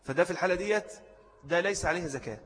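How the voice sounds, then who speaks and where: Egyptian guy teaching religious law, fast, keeps repeating the main points, echoey lecture hall. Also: sits high, fairly bright tone, a little hiss or hum. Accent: Egyptian Arabic. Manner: explanatory, repeats key points, answers student questions. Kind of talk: jurisprudence lesson.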